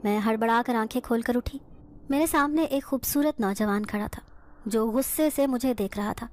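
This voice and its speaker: Woman storyteller, emotional first-person horror narration, slightly high voice.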